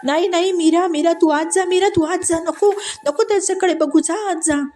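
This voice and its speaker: Shrill, panicked maidservants in a storybook tale beg and warn in high, urgent cries, as a woman narrator puts them on. The voice climbs well above the teller's own, yet keeps a soft, mellow tone. Faint music plays underneath. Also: moderate pace. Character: frightened maidservants, women, shrieking warnings.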